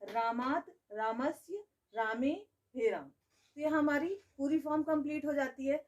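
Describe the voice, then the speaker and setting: A woman's voice: high voice, measured pace, far from the mic, rough recording. A woman teaching a grammar lesson. She keeps asking the class questions and answering them herself, and she says "okay" often.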